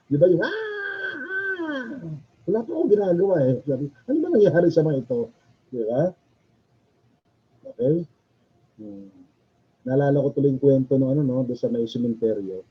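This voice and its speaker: A man's voice: medium pitch, big pitch swings, moderate pace, long pauses, husky. A male chaplain, preaching in a chatty way, laughing often and asking the audience questions. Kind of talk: sermon. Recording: dull lo-fi recording.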